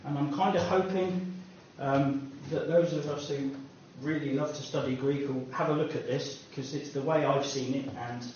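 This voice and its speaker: A man's voice: mid-range voice, fairly even intonation, normal speed, hardly any pauses, a little mellow, a little hiss or hum. A man preaching a sermon in a conversational, self-deprecating way with personal asides, recorded from a distance in an echoey hall. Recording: echoey distant room mic, dull sound.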